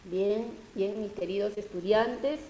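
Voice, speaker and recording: A woman's voice: medium pitch, takes it slowly, warm tone, roomy sound, a little hiss or hum, low-quality recording. A woman teacher with a Peruvian Spanish accent, lecturing her class over a video call and explaining step by step with many tag questions.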